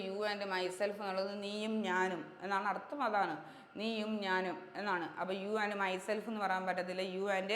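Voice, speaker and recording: A woman teaching grammar, repeating each point and pausing to check that students follow. She speaks in a level, even tone. The room is echoey with a long reverb tail, and a faint hiss sits underneath. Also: mid-range voice. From Kerala, India. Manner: repetitive drilling, checks understanding with quick questions. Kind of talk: exam-prep grammar lesson.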